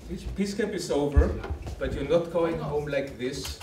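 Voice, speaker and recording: Man, slightly high voice, formal encouraging speech, echoey room, distant mic. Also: a little slow, noisy background. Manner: formal, encouraging, repetitive phrasing. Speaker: camp organizer. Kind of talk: closing speech to participants. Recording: roomy hall from a distance.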